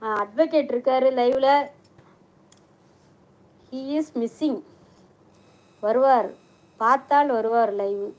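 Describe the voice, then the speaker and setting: A middle-aged woman hosting a casual live stream, chatting warmly with viewers, reading out their comments and mixing in English words. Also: on the high side, takes it slowly, long pauses, low-quality recording.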